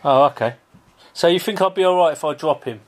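A man's voice: a little high, brisk, slight background noise. A man with a chatty, playful manner, playing as a player in a tabletop game.

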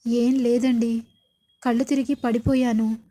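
A woman's voice: on the high side, level tone, a little slow, lightly acted. Woman reading a tired older mother. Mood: weary. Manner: soft, weary speech.

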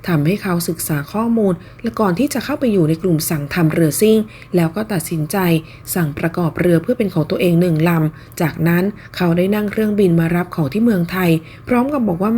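A woman narrating online news in a scripted, polite, steady read-aloud manner with soft sentence endings. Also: mid-range voice, slight background noise.

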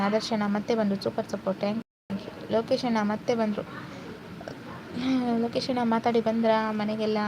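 A young woman hosting a casual live stream, reading out viewer comments and chatting with them. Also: medium pitch. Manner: chatty, warm greetings to viewers, mixes English words. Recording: noisy phone live stream.

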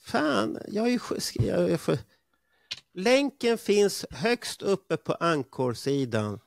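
Podcast host guy, chatty and upbeat, dry close sound, kinda high voice. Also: very animated, creaky, no room sound. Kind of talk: casual live podcast chat.

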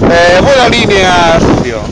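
A man's voice: sits high, very animated, a little slow. A man in his thirties on a small sailing dinghy, playfully mimicking a news anchor signing off. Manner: playful, theatrical announcer tone. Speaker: co-host on the boat. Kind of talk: joking mock news sign-off. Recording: heavy wind noise on mic.

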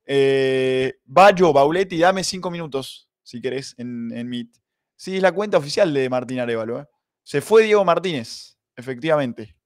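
A man's voice: medium pitch, lively intonation, moderate pace. A young Argentine man hosting a live football reaction stream, chatting and reading the chat aloud. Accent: Argentine Spanish. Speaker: streamer and host.

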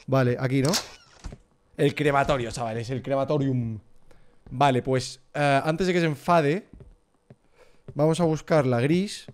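A man's voice: medium pitch, a little mellow, clean tone. A young man with a Spain Spanish accent, jumpy and swearing while commenting live on a horror game for his chat. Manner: profane, jumpy, talks to chat. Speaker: streamer.

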